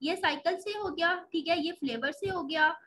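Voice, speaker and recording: A woman's voice: very high voice, normal speed, fairly bright tone, rough recording. A woman giving a pharmacology lecture to medical students, explaining patiently step by step and often restarting over hard drug names.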